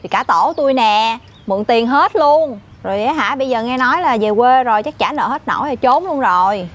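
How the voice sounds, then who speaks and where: An actress playing a gossipy office worker, speaking with a Southern Vietnamese accent and a complaining manner. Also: female voice, on the high side, animated, quick pace, a little hiss or hum, natural voice. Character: gossipy middle-aged woman office worker. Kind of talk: comedy sketch acting. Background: faint background music.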